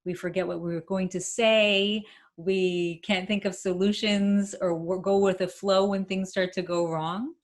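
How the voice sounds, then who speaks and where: Woman calmly teaching a breathing exercise. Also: mid-range voice, a little slow. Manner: explanatory, conversational, frequently checks in with "okay". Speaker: breathing instructor and health practitioner. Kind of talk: instructional talk with guided breathing exercise.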